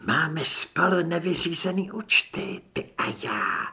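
A cold, vengeful vampire woman who speaks with cutting mockery, as a male narrator puts her on. Her voice is husky and a little breathy, dropping at times to a hiss. It is a storybook performance. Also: on the high side, animated, bright, forceful tone, voice pushed up, exaggerated voice.

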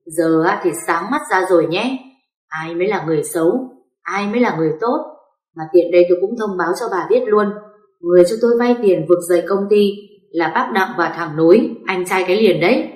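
A woman's voice: lowish voice, moderate pace, roomy sound, natural voice. A woman voicing a stern old father-in-law who scolds his wife reproachfully. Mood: scolding.

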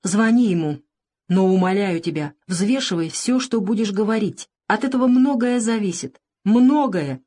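A woman's voice: mid-range voice, lively intonation, normal speed, warm tone, voice pushed up, natural voice. A woman reading the part of a frightened young woman who sobs and pleads on the phone, in an audiobook. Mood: pleading. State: sobbing.

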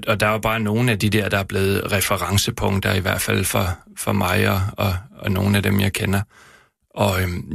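A man with a low, heavily gravelly voice reads his own prose aloud and then talks about it. When speaking freely he stumbles and repeats words. The studio sound is dry and close. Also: fairly bright tone, dry recording. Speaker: author reading his own work. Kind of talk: reading aloud, then casual radio talk. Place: radio studio.

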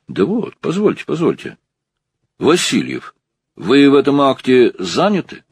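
A man voicing a fussy, pompous stage director who lectures loudly. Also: huge pitch swings, unhurried, slightly rough, no echo, exaggerated voice. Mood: brisk. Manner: shrill, lecturing, theatrical.

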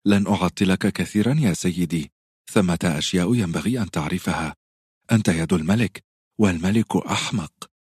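A man reading an audiobook, voicing a secretive, soft-spoken middle-aged eunuch spymaster with a low, polite voice that can turn cutting. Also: brisk, husky, dry recording, studio quality. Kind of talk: audiobook character voice.

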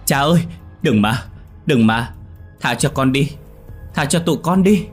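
A man's voice: deep voice, normal speed, husky, faint music behind. A man voicing two terrified young women in a horror audio story, pleading and screaming.

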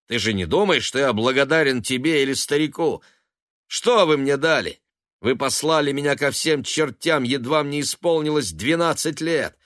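A man voicing a scornful young man who mocks and shouts at his mother with contempt. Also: fairly low pitch, dry recording, studio quality. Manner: mocking and contemptuous, often shouting.

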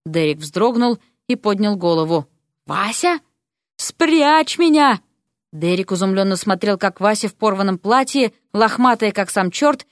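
A woman narrating a fantasy audiobook in a lively, expressive way. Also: mid-range voice, dry recording, clean studio sound.

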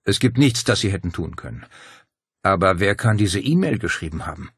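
A man's voice: low voice, expressive, fairly quick, fairly bright tone, husky, no room sound, studio quality, heavily acted. A man voicing a courteous, anxious older clergyman in an audiobook, polite and solicitous in manner. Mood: concerned. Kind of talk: audiobook character voice.

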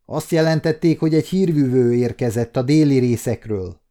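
A man's voice: medium pitch, mellow, close to an everyday voice. A man voicing a stern, authoritative male regent who questions visitors. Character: commanding royal regent, stern and curious.

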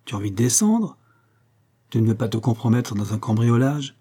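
A man's voice: mid-range voice, very animated, moderate pace, mellow, slightly rough. A man playing a cold, commanding detective. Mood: taunting. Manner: commanding, scornful. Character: commanding male detective posing as gang chief, cold, stern.

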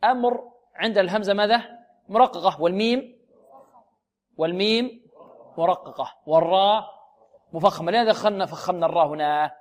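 On a radio lesson, a man with a high-pitched voice teaches Quran recitation, posing questions and answering them himself. He repeats words slowly to model their pronunciation.

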